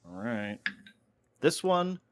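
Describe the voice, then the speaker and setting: A man's voice: medium pitch, expressive, slow pace, a little hiss or hum. A man chatting casually as a player in a tabletop game.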